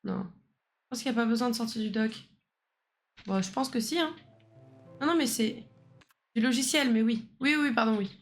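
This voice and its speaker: A woman's voice: fairly high pitch, normal speed, pauses often, soft background music. A woman streamer playing a puzzle game, thinking aloud and bickering with a co-player over the answers. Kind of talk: casual puzzle game chat.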